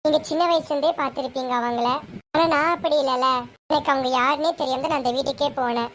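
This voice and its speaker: A woman's voice: sits high, steady tone, fast talker, a little hiss or hum. Woman playing a preachy elder sister. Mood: lecturing. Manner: advising, lecturing.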